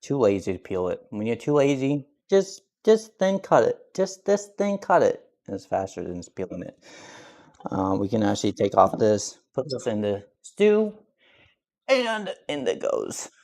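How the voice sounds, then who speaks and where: Cooking on stream, a young man raised speaking Russian, who picked up English at eight, chats loosely and often starts sentences over. He has a medium pitch, a sing-song, unhurried delivery and a slightly mellow sound.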